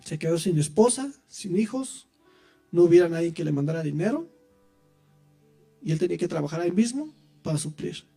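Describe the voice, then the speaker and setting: Guy preaching his testimony at church, high pitched, talks right to the crowd, warm tone. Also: normal speed, gravelly, long pauses, faint music behind. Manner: animated storytelling, addresses listeners directly. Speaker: church speaker giving testimony.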